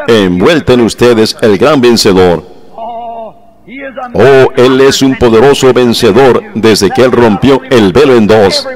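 Speaking straight to his listeners, this medium-pitched male preacher voices a translated sermon with fervor, calling out praise. He slows his delivery whenever a phrase needs emphasis.

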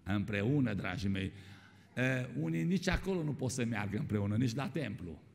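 Fairly low, creaky, and dark, this man's voice stays animated as he preaches. The church hall adds long reverb while he repeats "my dear ones" and quizzes his listeners.

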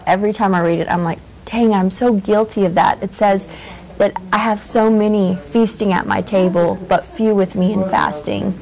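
A woman host, speaking in an even, middle-pitched voice. She talks earnestly about faith in a relaxed, conversational way. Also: low-quality recording. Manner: earnest, preachy. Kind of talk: casual faith talk.

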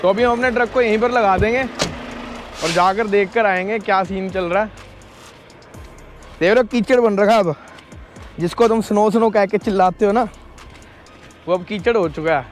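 Soft background music accompanies a high-voiced Indian man talking at normal speed, with long pauses. As a trucker vlogger he chats casually and animatedly to viewers, addressing them as brother, in his cab and a snowy yard.

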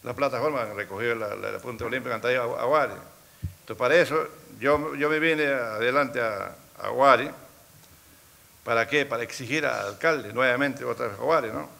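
A man's voice: mid-range voice, normal speed, vocal fry, sharp tone. A middle-aged man, recounting events in casual talk and often repeating words as he goes. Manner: storytelling, quoting others, repeats words. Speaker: community road committee president. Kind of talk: casual spoken recollection.

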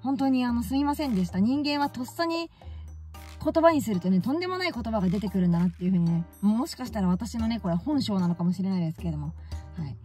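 A woman's voice: medium pitch, expressive, quick pace, dark tone, soft background music. A woman vlogger telling stories casually and animatedly, often exclaiming and laughing at herself. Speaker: baseball fan vlogger. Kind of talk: casual storytelling vlog.

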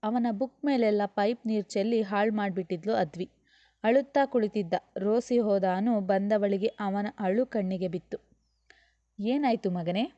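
A woman narrating a serialized novel in a steady storytelling manner, voicing all of the characters herself. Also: mid-range voice, normal speed, no echo. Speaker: audiobook narrator. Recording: dull lo-fi dry recording.

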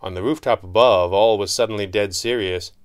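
A man giving steady scripted narration of an adventure story. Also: fairly low pitch, brisk, clean tone.

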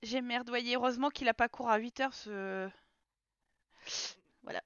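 Woman streamer, high bright voice, chatty live play-by-play, talks to her characters. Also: a little slow, clear, resonant tone, dry recording, muffled recording. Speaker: game streamer. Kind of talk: casual live gameplay commentary.

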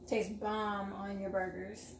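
Slow-paced and mid-range, her voice shows little pitch movement. This vlogger in her forties chats upbeat to viewers in a casual grocery haul video shot at arm's length in her home kitchen, where the recording picks up echo and faint room noise.

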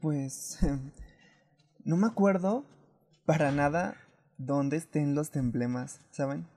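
A man's voice: a little high, slow pace, mellow. A man with a Latin American Spanish accent giving casual, hesitant, self-doubting commentary as he streams a video game.

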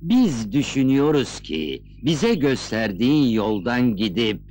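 A polite village headman speaking slowly with a lively, rising and falling tone. His voice sits in a middle range over faint outdoor ambience. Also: medium pitch, no room sound. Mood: deferential.

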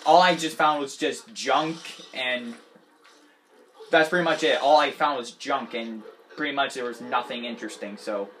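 A gaming channel host giving excitable, chatty, playful gameplay commentary. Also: mid-range voice, normal speed, slight background noise.

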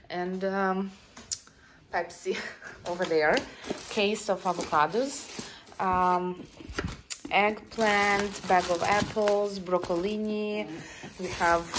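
A woman who is not a native English speaker, casually showing a grocery haul in her kitchen and listing the items with many pauses and ums. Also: fairly low pitch, background noise. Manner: listing items slowly with many ums, second-language grammar. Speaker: vlogger. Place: home kitchen, indoors.

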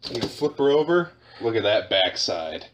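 A man's voice: fairly low pitch, moderate pace, noisy background. Young guy, dry joking delivery, running a spoof cooking tutorial from his kitchen. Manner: deadpan, mock-instructional. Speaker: home cooking video host. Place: home kitchen.

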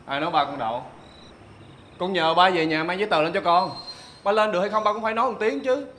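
An actor playing a sullen young adult son who answers curtly and with resentment. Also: male voice, on the high side, normal speed, bright, forceful tone, a little hiss or hum. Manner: curt, resentful replies. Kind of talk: film acting.

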